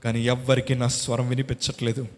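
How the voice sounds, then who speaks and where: A man giving an emotional church testimony, swinging from hushed to shouting. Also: medium pitch, level tone, a little fast. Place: church hall. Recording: long church-hall reverb.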